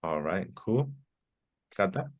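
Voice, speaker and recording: A man's voice: low voice, sing-song, takes it slowly. A man from the United States teaching an English class, asking students questions and repeating their answers back in an encouraging way. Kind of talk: online class Q&A.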